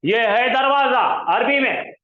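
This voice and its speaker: A man's voice: very high voice, unhurried. A male teacher, leading a classroom lesson and coaxing students to repeat words aloud. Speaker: Arabic grammar teacher. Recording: roomy, dull lo-fi sound.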